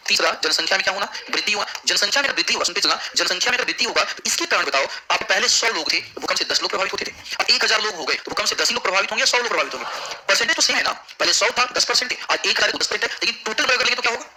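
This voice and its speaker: Fast, sharp-voiced geography teacher. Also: male voice, sits high, lively intonation, poor audio. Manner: drills students with repeated questions. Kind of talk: classroom lecture. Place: classroom.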